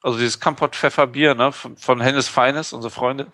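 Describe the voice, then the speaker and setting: A man's voice: mid-range voice, steady tone, normal speed, bright, forceful tone, no echo, studio quality. A man co-hosting a podcast in casual chat, speaking, joking and full of fillers. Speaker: podcast co-host.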